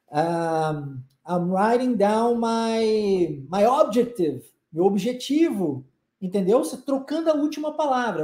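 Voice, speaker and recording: A Brazilian woman teaches an English lesson in a mellow, higher-pitched voice that swoops up and down. She coaxes her students along, checks in with them often, and slows right down for the model sentences. The room around her is echoey. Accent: Brazilian Portuguese. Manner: lively, coaxing, with frequent check-ins to the listener; says English model sentences slowly and deliberately. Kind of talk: live online language lesson.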